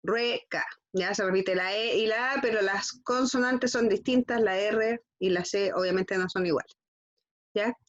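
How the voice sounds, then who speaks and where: A woman's voice: medium pitch, moderate pace. Woman teacher, slightly muffled. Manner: frequent checking "¿ya?" with students. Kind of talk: classroom lesson.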